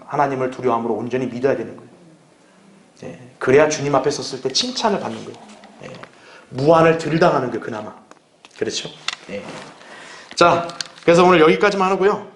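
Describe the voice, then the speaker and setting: Man preaching in a roomy church. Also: medium pitch. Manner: conversational, asks the congregation questions and acts out short dialogues. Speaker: pastor. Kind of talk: sermon, Bible exposition.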